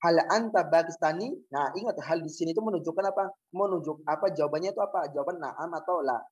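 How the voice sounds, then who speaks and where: A man's voice: a little high, fast talker, breathy edge, highs cut off. A male teacher giving a language lesson, patiently drilling words and asking the class questions he then answers himself. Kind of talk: classroom lesson, reading words aloud for students to repeat.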